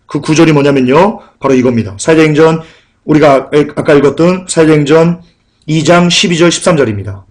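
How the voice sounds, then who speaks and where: A male preacher giving a sermon in an emphatic, combative way, often repeating his key points. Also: fairly high pitch. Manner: combative, denouncing.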